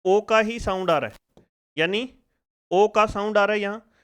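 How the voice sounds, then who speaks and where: A man's voice: high voice, a little slow, fairly bright tone, smooth. A man teaching a spoken phonics lesson in speech, asking the class questions and drilling each sound step by step. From India.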